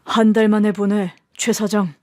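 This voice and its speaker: A woman voicing a calm, powerful man, a long-absent father, who speaks in a measured, slightly lowered voice in a radio drama. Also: no echo, clean studio sound, lightly acted. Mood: commanding.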